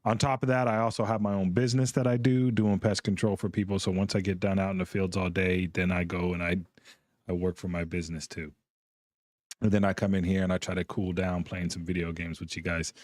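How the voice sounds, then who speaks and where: A middle-aged man with a lowish, dry-sounding voice talks to his live stream chat from a home gaming room. He sounds worn out after a long week and rambles along easily, chuckling as he goes. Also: little pitch movement, a little fast, dry recording. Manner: rambling, easygoing, chuckling between thoughts. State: tired, yawning.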